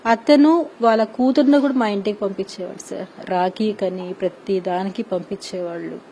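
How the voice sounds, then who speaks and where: A woman's voice: medium pitch, fairly even intonation, moderate pace, warm tone, slight background noise, low-quality recording. A woman in her thirties giving a distressed, pleading news interview, repeatedly addressing the interviewer respectfully.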